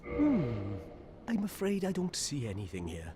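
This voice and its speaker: An affable wandering merchant in a video game, polite and chatty. His voice sits a little high and swoops widely up and down in a lilting way. A clear hiss of background noise runs under the game audio. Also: wildly swooping pitch, unhurried. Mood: friendly.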